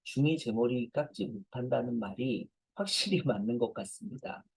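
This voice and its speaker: Man in his forties lecturing parents as a professor, dark and husky, anecdotal and self-deprecating. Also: mid-range voice, normal speed, no room sound, low-quality recording. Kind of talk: conversational lecture.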